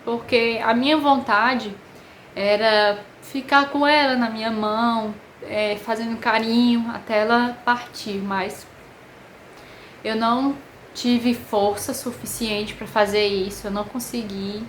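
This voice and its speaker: A woman with a Brazilian Portuguese accent, telling a personal story to camera in an emotional, halting way with many pauses. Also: a little high, fairly even intonation, slight background noise. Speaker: vlogger. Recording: echoey room with faint ambience.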